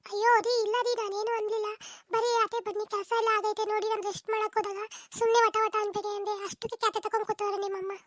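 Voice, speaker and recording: A squeaky, rapid-fire young daughter-in-law, played by a woman, quick with comebacks in a cartoon household squabble. The voice sits very high and runs very fast, recorded dry and close. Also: flat delivery, fairly bright tone, no echo. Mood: defensive. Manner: quick, retorting, argumentative. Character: sharp-tongued young daughter-in-law, defensive. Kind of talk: comic cartoon dub.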